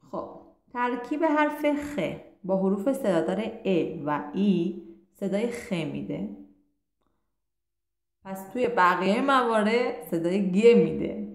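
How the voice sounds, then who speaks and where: A woman giving a casual online language lesson, chatty and encouraging, who slows down to spell out sounds. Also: medium pitch. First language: Persian. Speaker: Spanish language teacher. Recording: roomy echo.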